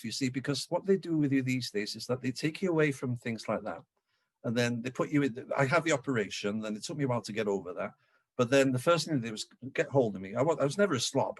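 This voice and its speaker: Sharing local history through anecdotes, a North Welsh man in middle age speaks with a Welsh accent and animates his stories by performing the dialogue. The mid-range voice has no echo.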